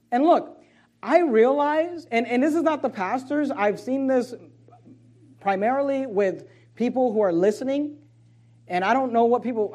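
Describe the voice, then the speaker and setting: A man preaching a sermon as pastor, emphatic and at times sarcastic, with quick swings in volume. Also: very high voice, a little mellow.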